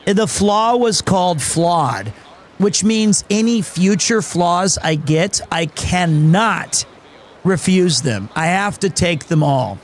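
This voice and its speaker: Male game streamer, lively and high-voiced, casual and playful, performative chat. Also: slow pace, a little hiss or hum. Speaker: streamer and voice actor.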